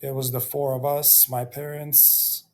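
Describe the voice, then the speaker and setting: Thirties male vlogger, unhurried and reflective, mid-pitched voice. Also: little pitch movement, darkish tone. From Bosnia and Herzegovina. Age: 30s. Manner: slow and reflective, with many pauses and fillers. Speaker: YouTuber. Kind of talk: personal storytelling vlog.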